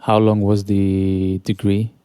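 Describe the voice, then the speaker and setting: A man hosting a podcast interview, asking measured follow-up questions with small restarts. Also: lowish voice, level tone, warm tone, clean tone, no room sound. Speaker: podcast host.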